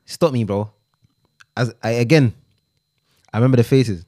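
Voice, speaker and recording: A man's voice: medium pitch, normal speed, warm tone, dry recording, clean studio sound. A young man with a London roadman accent, telling stories casually and indignantly with lots of slang, swearing and repetition. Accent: London roadman, multicultural London English. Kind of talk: casual storytelling among friends, heavy slang and swearing.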